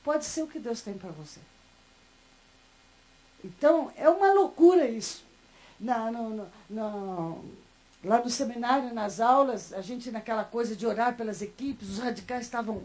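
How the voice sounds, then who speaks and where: A woman's voice: on the high side, moderate pace, poor audio. A middle-aged woman from Brazil with a Brazilian Portuguese accent, preaching a sermon and telling stories with emotion, speaking to the congregation. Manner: emotional, animated storytelling with asides to the congregation. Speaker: missionary preacher. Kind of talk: sermon with storytelling.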